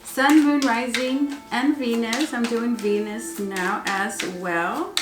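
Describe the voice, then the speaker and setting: A woman with a fairly high, steady voice gives a slow tarot reading to her viewers as her voice gives out. She rambles and repeats words, with lots of ums and uhs. The room echoes with faint noise, and music plays in the background.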